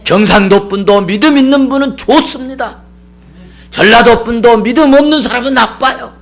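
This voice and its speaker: A man's voice: very high voice, normal speed, vocal fry. A male pastor preaching a sermon with emphatic repetition and rhetorical questions to the congregation.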